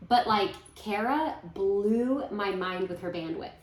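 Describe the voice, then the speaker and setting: A woman's voice: mid-range voice, slow. A woman co-hosting an investing podcast, chatting casually and playfully. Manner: chatty, playful, self-aware. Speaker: podcast co-host. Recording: roomy echo.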